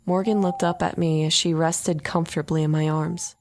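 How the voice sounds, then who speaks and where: A woman reading a horror story aloud in an expressive first-person narration. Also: deep voice, moderate pace, no echo.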